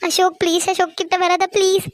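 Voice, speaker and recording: A frightened, tearful young college girl, voiced by a woman in a cartoon drama, pleading in a very high, quick voice. She begs over and over to be let go. The sound is dry. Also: flat delivery, dry recording. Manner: pleading, trembling, begging to be left alone.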